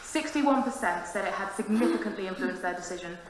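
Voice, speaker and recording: The student union president, a woman in her twenties, reads her earnest, formal remarks to the council briskly and with lively intonation in a mid-range voice. Her words echo heavily around the large council room over faint noise.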